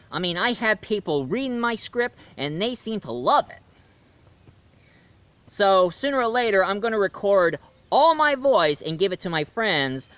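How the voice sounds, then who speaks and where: A YouTube reviewer with a clear, resonant voice on the high side and a bit bright tells viewers about his audio drama. He speaks casually to the camera, enthusiastic and rambling, and keeps starting his sentences over.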